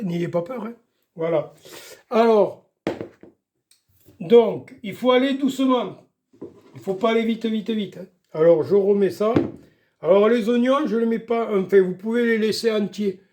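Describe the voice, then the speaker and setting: Older male home cook, folksy and chatty, high pitch, warm dark tone. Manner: chatty, folksy, keeps saying "voilà" and "doucement". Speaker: home cook showing a recipe. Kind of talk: casual cooking demonstration.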